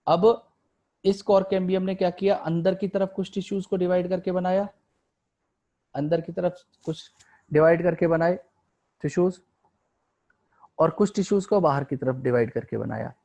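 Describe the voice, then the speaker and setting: A man's voice: high voice, fairly even intonation, normal speed, pauses often, warm tone. A man teaching a biology lesson over a diagram, asking his students questions and answering them himself, with English terms mixed into his Hindi. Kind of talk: online lecture explaining a diagram.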